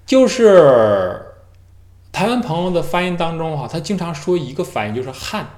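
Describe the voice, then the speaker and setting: A man who teaches Chinese, talking casually and mimicking how his students pronounce words. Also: on the high side. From mainland China. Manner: lively, imitates students' careful tones and slow syllables. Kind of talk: casual talk to camera. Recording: echoey room.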